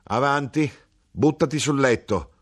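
A man's voice: medium pitch, measured pace, slightly rough, voice pushed up. A man reading an audiobook voices a teasing, proud middle-aged Sicilian mother, with playful, mocking exclamations. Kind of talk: audiobook character voice.

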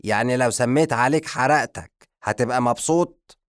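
A man with an Egyptian accent voicing a short-tempered, pompous male sorcerer who shouts and lectures fast. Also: fairly low pitch, fairly even intonation, dry recording, studio quality, close to an everyday voice. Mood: scolding. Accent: Egyptian Arabic. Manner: loud, fast, scolding.

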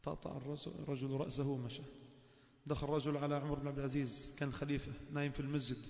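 A man's voice: mid-range voice, little pitch movement, racing, vocal fry, a little mellow. A man preaching a sermon in a mosque, telling stories animatedly and acting out the quotes. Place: mosque hall. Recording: echoey mosque hall, dull lo-fi sound.

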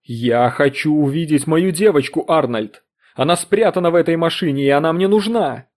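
A man voicing a distraught, grieving middle-aged woman in an audiobook reading, pleading and climbing into shrill cries. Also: normal speed, darkish tone, natural voice. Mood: frantic. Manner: pleading, rising to shrill screams.

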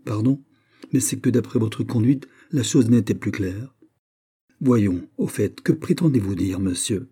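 A man's voice: fairly low pitch, unhurried, dark tone, husky. A man reading aloud, voicing a hot-tempered, haughty young English duke in an audiobook. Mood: indignant. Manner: imperious, angry outbursts.

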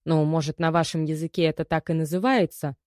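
A woman's voice: low-pitched, steady tone, fairly quick, a little mellow, no room sound, clean studio sound, lightly acted. Brief: woman voicing a stern woman investigator, raised and firm, storybook. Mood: firm questioning.

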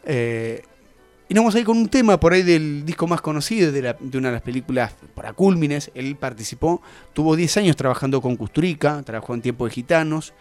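A man's voice: fairly high pitch, animated, brisk, darkish tone. A man hosting a radio show, chatting casually about music in a rambling, explanatory way full of hesitations. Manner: rambling, explanatory, many "eh" fillers.

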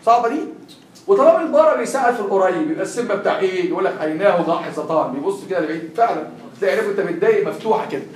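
A man's voice: sits high, animated, rapid-fire. A young man with an Egyptian accent tutoring a class, quizzing the students with constant questions in a classroom lecture. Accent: Egyptian Arabic. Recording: echoey room, heard from far off.

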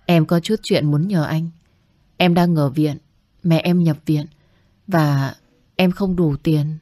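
A humble young medical student voiced by a woman reader, pleading softly and politely. Her voice is low. The recording is dry and close. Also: steady tone, takes it slowly, no echo.

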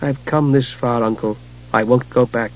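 A man's voice: extremely high pitch, lively intonation, moderate pace, fairly bright tone, muffled recording, voice pushed up, heavily acted. A man voicing an earnest young male mage who is tense and anxious.

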